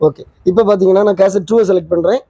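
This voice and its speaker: Gravelly and high-pitched, with a dark tone and a breathy edge, this man shows off a vintage twin-cassette tape recorder on his channel in a quick, casual demo, pointing to parts as he goes. There's no echo, and the recording has a dry, dull lo-fi sound.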